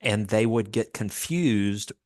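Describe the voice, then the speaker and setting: Middle-aged man, Southern accent, folksy storyteller, somewhat low pitch, dry sound. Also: slow, darkish tone, no room sound. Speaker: product manager and presenter. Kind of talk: webinar presentation.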